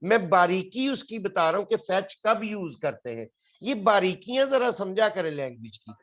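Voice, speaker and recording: Man, classroom lecture, patient, repeats words aloud, slightly high pitch. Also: lively intonation, moderate pace, muffled recording, a crowd in the background. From Pakistan. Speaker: English teacher.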